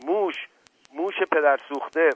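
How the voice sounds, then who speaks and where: A man's voice: lowish voice, expressive, fairly bright tone, slightly rough, no echo. A man doing a sly flirtatious uncle. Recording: tinny radio broadcast.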